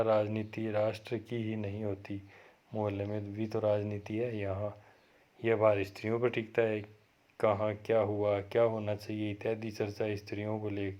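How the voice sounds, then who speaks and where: A man, a college lecturer, reading a story aloud to his class and explaining it, in a steady read-aloud manner with occasional self-corrections. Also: fairly low pitch, muffled recording.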